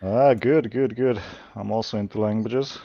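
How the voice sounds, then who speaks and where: A man from Slovakia, speaking English as an in casual chat, halting and searching for words. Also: on the low side, steady tone, creaky, dry recording. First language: Hungarian. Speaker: lockpicking livestream guest. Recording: dull lo-fi stream audio.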